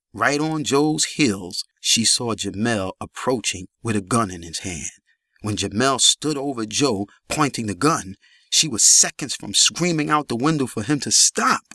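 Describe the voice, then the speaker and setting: A man reads a gritty crime story as an audiobook, keeping an even, steady storytelling manner. His voice is bright and crisp, recorded dry and close with no room around it. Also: on the low side, no echo. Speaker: narrator. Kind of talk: audiobook narration.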